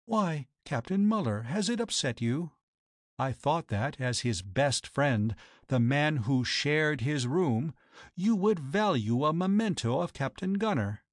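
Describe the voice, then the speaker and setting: A man's voice: fairly high pitch, expressive, measured pace, dry recording, studio quality. A man reading the lines of a proud, cold woman who keeps a boarding house, speaking formally and accusingly. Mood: mock sympathy. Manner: formal, accusing, coolly biting.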